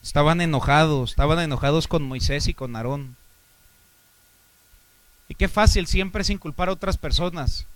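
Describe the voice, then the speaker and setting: Man, Mexican Spanish accent, pastor, sermon, rhetorical questions, loud then quiet delivery, fairly high voice, dry recording. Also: moderate pace, long pauses, dry recording. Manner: preaching with swings between loud exhortation and quiet asides.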